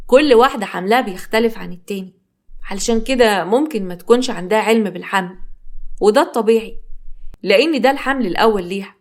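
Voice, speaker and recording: A woman narrator voicing a calm, matter-of-fact male doctor with an Egyptian accent. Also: mid-range voice, quick pace, natural voice. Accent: Egyptian Arabic.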